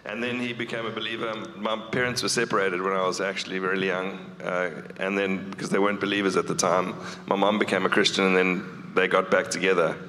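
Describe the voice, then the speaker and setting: A man's voice: deep voice, flat delivery, fast, few pauses, bright, forceful tone, in a large hall, a little hiss or hum. A South African man, a guest musician, telling stories in a casual onstage interview at a church, joking as he goes. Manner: joking, storytelling. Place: church hall.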